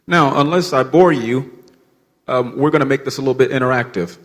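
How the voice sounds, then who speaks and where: A man's voice: medium pitch, normal speed. A man with an American accent, a native English speaker who keeps it when speaking Spanish, teaching an audience in short plain phrases. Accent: American, also heard when speaking Spanish. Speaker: visiting speaker teaching a church seminar. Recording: echoey hall, long reverb.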